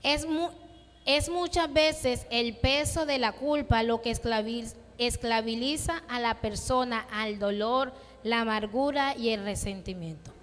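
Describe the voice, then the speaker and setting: Woman, church seminar speaker, high voice, reverberant hall. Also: measured pace, fairly bright tone. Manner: storytelling with acted dialogue. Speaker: women's ministry speaker.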